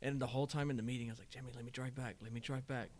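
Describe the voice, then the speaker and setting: A man's voice: mid-range voice, very fast, a little hiss or hum. Laughing young man telling car stories. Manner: animated storyteller, acts out quoted voices, laughs often. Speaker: podcast co-host. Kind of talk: casual storytelling chat.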